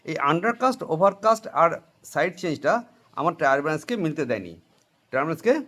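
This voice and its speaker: A man's voice: on the high side, big pitch swings, fast, fairly bright tone. A man teaching accounting to a class, questioning students and having them repeat answers, with English and Hindi phrases mixed in. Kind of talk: classroom lecture with call-and-response.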